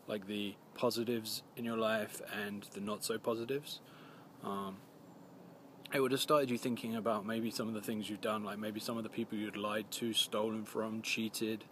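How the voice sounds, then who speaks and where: A man with a gruff, scratchy voice, hoarse from a cold, giving earnest, plain-spoken, encouraging advice to viewers in a casual vlog. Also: lowish voice, level tone, moderate pace, a bit bright. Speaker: recovery video series host.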